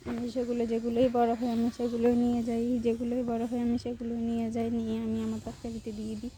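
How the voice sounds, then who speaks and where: A young Bangladeshi woman chatting to her viewers while she works in her village garden, rambling and casual, sometimes slow and soft. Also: a little high, monotone, slight background noise. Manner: speaks slowly and softly on purpose at times. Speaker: village vlogger. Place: outdoors in a village vegetable garden.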